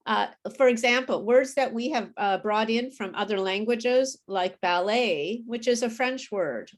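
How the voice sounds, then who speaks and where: Brief: woman pronunciation teacher, friendly, slightly high voice, frequent check-ins. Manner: friendly, explains slowly and checks understanding with okay. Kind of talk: live online group class.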